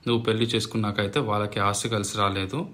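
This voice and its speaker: Rapid low-voiced man reading comments. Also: level tone, a bit bright. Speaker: comment reader. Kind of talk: reading viewer comments aloud.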